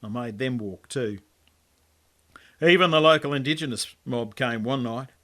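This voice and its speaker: At a moderate pace and with a fairly bright, medium-pitched voice, an Australian man delivers his own story as a colloquial, laconic first-person yarn.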